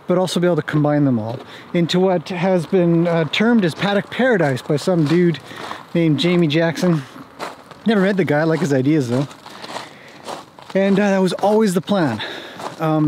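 A mellow, laid-back man with a slightly high voice hosts a vlog while walking around outdoors on his wooded horse property, where he keeps a paddock. He explains things casually as he goes, and the outdoor ambience is captured clearly.

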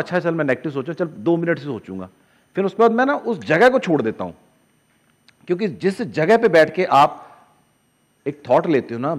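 A man explains spiritual ideas in a casual, lively lecture to camera. His voice sits a little high and leaps around in pitch. He slips into short asides that play out inner voices. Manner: animated, acts out inner voices with sudden drops in pitch and loudness. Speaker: spiritual teacher.

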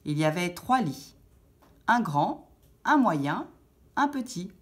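Lady reading a kids fairy tale, lively voice going up and down, lowish. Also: slow. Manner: expressive, animated storytelling. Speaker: storyteller. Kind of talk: children's story reading.

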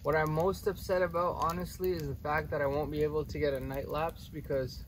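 A young man casually talking to camera at a woodland campsite, relaxed and chatty with frequent ums. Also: fairly high pitch, fairly quick, background noise. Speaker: vlogger. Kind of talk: casual camping vlog. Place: outdoor campsite in the woods.

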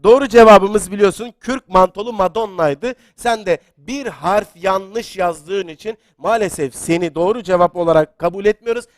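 A man hosting a live-streamed quiz show, chatty and excitable, reading out viewer comments and sometimes getting loud. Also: sits high, moderate pace, hardly any pauses, no echo, studio quality. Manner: excitable, gets loud then apologizes.

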